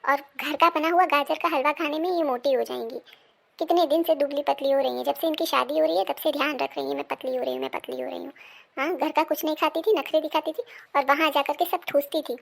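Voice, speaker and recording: A woman's voice: high-pitched, steady tone, fast talker, creaky. A woman playing an overworked young daughter-in-law who grumbles and defends herself in an amateur family drama. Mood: grumbling.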